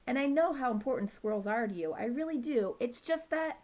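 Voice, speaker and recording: A woman voicing a calm, patient male dog who coaxes his friend along, reading a children's book aloud. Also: on the high side, a little fast, pitched above the performer's own voice, natural voice. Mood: coaxing. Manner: reasonable, coaxing.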